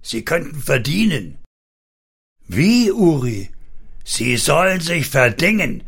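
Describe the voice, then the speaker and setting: A man's voice: a little high, very animated, takes it slowly, gravelly, husky, voice pushed up, exaggerated voice. A man doing a growling, bitter laborer. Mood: scornful. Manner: growling, shouting, scornful. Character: gruff, bitter, angry worn-out laborer.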